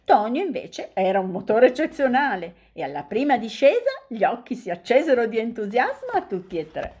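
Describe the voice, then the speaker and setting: Husky, animated woman reading a story. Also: a little high, brisk. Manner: expressive, animated. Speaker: co-host storyteller.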